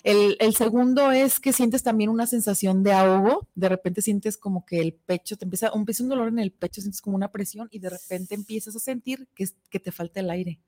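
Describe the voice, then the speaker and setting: A woman with a Mexican accent in casual chat as co-host, animated and acting out quoted people. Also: brisk, few pauses, dry recording, studio quality. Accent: Mexican Spanish. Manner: animated, acts out quoted people in high voices.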